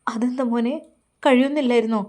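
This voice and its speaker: A woman's voice: fairly high pitch, steady tone, brisk, darkish tone, voice pushed up, close to an everyday voice. A woman voicing a grieving middle-aged mother who pleads tearfully with her son.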